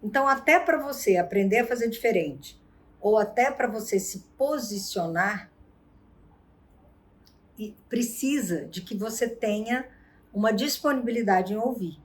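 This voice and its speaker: A woman hosting a vlog and giving advice on arguments, telling stories with lively acted-out quotes. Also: on the high side, a little slow, a little hiss or hum. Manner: animated storyteller, acts out quotes. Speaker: vlog host and relationship advisor. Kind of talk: casual advice talk.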